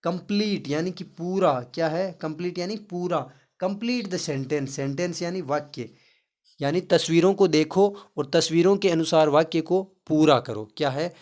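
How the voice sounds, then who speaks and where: Male tutor, slightly high voice, repetitive call-and-answer teaching, slow spelled-out words. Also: darkish tone. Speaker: English teacher. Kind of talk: classroom-style grammar lesson.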